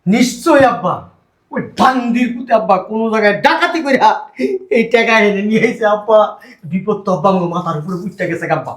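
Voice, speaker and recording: Excitable whiny young man, lively pitch. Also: quick pace, pauses often. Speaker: son in a family drama. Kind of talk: rural Bangladeshi village drama acting.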